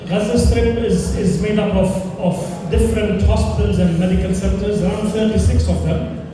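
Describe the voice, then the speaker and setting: A man from Palestine, a doctor, giving an earnest, measured speech at a fundraising dinner, pausing often. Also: sits high, fairly even intonation. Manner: earnest, measured delivery with frequent pauses and fillers. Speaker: charity dinner speaker, doctor. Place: large indoor hall. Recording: echoey hall, distant mic, noisy.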